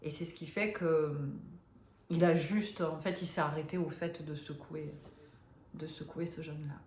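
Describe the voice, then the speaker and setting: Woman, 50s, low voice, halting confiding storyteller, echoey room. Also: steady tone, a little mellow, a little hiss or hum. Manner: hesitant, many fillers and restarts; emotional, confiding. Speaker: spiritual vlogger. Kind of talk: personal storytelling to viewers. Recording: roomy echo.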